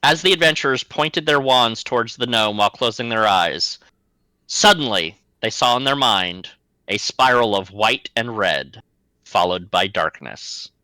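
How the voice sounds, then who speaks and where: A man running a tabletop game, narrating scenes and walking players through rules with clear explanations. His voice is bright and forward. The sound is close and dry. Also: mid-range voice, animated, unhurried, no room sound, low-quality recording. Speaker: game master.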